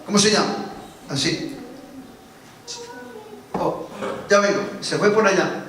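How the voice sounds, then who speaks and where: High-voiced pastor in an echoey hall. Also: male voice, takes it slowly, fairly bright tone, a little hiss or hum. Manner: preaching with an anecdote, repeating words emphatically. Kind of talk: sermon. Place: church hall. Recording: echoey church hall, distant mic.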